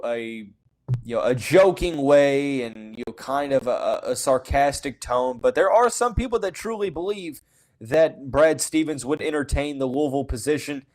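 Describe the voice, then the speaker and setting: Male sports podcast host, mid-pitch, casual and blunt, lots of fillers. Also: darkish tone, low-quality recording. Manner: heavy use of "you know" fillers and restarts; frank, opinionated, says he calls it as he sees it. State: has the hiccups. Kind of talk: casual sports talk monologue.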